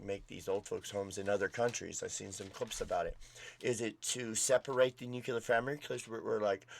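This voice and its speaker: A man's voice: medium pitch, gravelly, a bit bright. A man hosting a casual political commentary vlog, rambling with many fillers and restarts.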